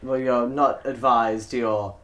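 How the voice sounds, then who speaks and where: A man's voice: mid-range voice, fairly even intonation, a crowd in the background. A man joking and teasing his friend while they play through a video game together. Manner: jokey, teasing, quick interjections. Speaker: game co-player. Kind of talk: let's play banter.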